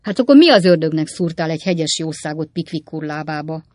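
A woman voicing a hot-tempered old country gentleman who blusters and shouts. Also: on the low side, lively intonation. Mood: furious. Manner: loud, shouting. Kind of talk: audiobook character voice.

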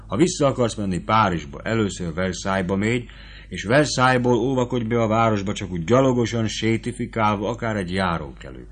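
A man voicing a shrewd, bossy army sutler woman who lectures a young soldier in an audiobook. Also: fairly low pitch. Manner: scolding, rapid motherly advice. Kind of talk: audiobook character voice.

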